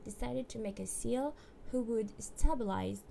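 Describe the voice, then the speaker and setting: A woman chats casually on a livestream, thinking aloud and restarting her sentences. Her voice is mellow and her pace unhurried. A faint hum sits under the recording. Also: fairly high pitch, gravelly. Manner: hesitant, many fillers and restarts. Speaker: streamer.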